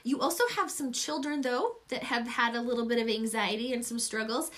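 A middle-aged woman hosting a conversational faith-based interview, encouraging and effusive, rambling gently as she goes. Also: on the high side, fairly quick. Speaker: podcast host and program coach.

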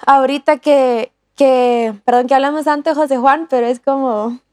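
A woman talks through a lesson earnestly, pausing and restarting often. Her voice sits high, and the sound is close and dry. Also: fairly even intonation, a little mellow, dry recording. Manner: earnest, many restarts and fillers. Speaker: co-host teaching on discipleship. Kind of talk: casual teaching talk.

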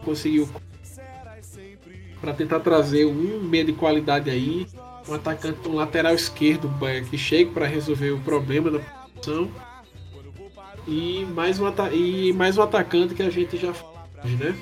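A man's voice: on the high side, fairly even intonation, unhurried, long pauses, faint music behind. A man with a Brazilian accent hosting a casual football chat in colloquial speech. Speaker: football podcast host.

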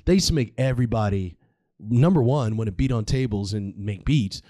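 A man's voice: fairly low pitch, normal speed, mellow, dry recording, clean studio sound. A man hosting a podcast, delivering a casual, comedic monologue in a rambling, slangy, sweary way. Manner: informal, slangy, heavy swearing. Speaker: podcast host.

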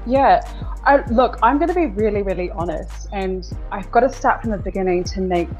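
Her voice is medium-pitched and a little mellow, moving at a moderate pace over soft background music on a rough recording. She's a New Zealander in her thirties, a business owner chatting frankly as a podcast guest, with frequent laughs and repeated words.

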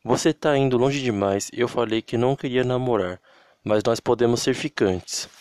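A man's voice: medium pitch, normal speed, a little mellow, no room sound, studio quality, close to an everyday voice. Diego, a man voicing an offhand young guy. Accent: Brazilian.

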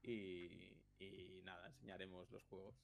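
A man's voice: low voice, fairly even intonation, a little slow, gravelly. A man with a Spain accent co-hosting a casual chat, explaining things and repeating for emphasis. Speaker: podcast co-host.

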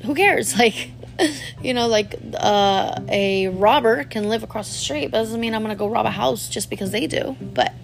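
Woman, 30s, vlogger, candid personal story, rambling delivery, heavy "like" fillers, gravelly fry. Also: fairly high pitch, normal speed, faint music behind. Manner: addresses viewers directly.

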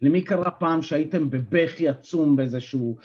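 A man, an NLP coach and therapist, giving an animated workshop talk and asking the group questions. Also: fairly high pitch, highs cut off.

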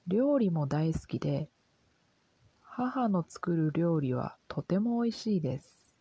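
A soft-spoken woman reading a simple lesson for language learners in a calm, gentle, careful way. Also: lowish voice, slow pace, breathy edge, dry recording, muffled recording. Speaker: Japanese language teacher.

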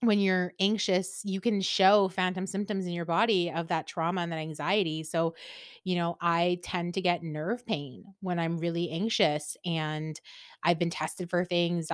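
A woman with a lowish, smooth and clear voice talks candidly on her own podcast, swearing freely and laughing often. She is close to the microphone in a dry, dead-sounding space. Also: dry recording. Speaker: podcast host. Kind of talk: casual solo podcast monologue.

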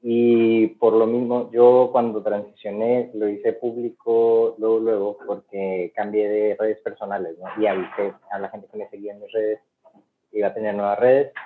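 A man's voice: on the low side, level tone, moderate pace, phone-quality sound. A man from Monterrey, Mexico, with a northern Mexican accent, answering as a guest activist, friendly and thoughtful. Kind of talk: interview answers.

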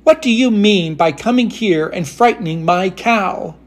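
A man's voice: high voice, a little slow. A man voicing an indignant china milkmaid who scolds sharply. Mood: scolding. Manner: scolding, vexed.

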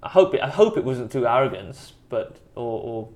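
A man's voice: mid-range voice, lively intonation, moderate pace, a little mellow. A man from the South Wales Valleys with a Welsh Valleys accent, talking as a musician in a casual interview, rambling and self-deprecating as he tells his story. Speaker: musician and producer in a band, interview guest. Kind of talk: casual conversational anecdote.

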